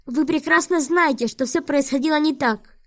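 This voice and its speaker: A woman's voice: high voice, normal speed, dry recording, close to an everyday voice. A woman voicing a clever, determined teenage orphan girl who speaks urgently and accusingly in an audiobook. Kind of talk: audiobook dialogue reading.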